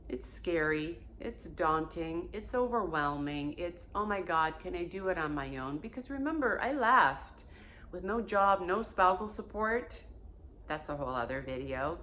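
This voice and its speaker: In a lowish, somewhat bright voice with some background noise, a Portuguese-born woman in her fifties vlogs from home. Her personal monologue is candid, frank, and emphatic, and she swears casually.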